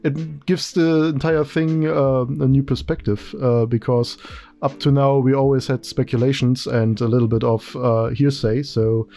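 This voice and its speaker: A German-accented man is hosting a casual interview over a video call. His voice is mellow and dark with a gravelly edge. He talks haltingly, with frequent ums and restarts. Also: medium pitch, little pitch movement. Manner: hesitant, many ums and restarts. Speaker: host.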